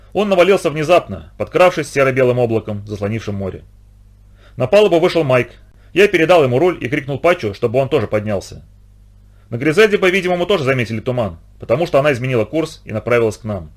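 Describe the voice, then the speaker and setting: Male audiobook narrator, first-person storytelling, animated rising and falling intonation, mid-pitched voice, dramatic reading.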